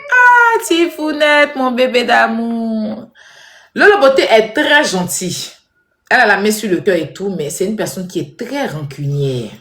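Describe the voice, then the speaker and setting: A woman talks straight to her viewers, scolding and animated, repeating herself to drive each point home. Her voice sits at a middle pitch. The room around her sounds echoey. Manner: animated, scolding, repetitive, addresses viewers directly. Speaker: social media commentator. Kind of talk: casual commentary to viewers.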